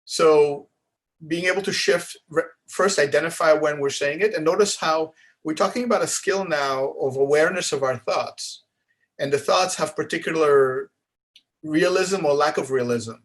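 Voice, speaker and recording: Lecturer, male, slightly high pitch; relaxed talk peppered with fillers and restarts. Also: moderate pace. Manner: conversational, frequent "right?" asides; restarts and filler "uh"s while explaining. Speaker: psychologist speaker. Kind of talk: conference lecture.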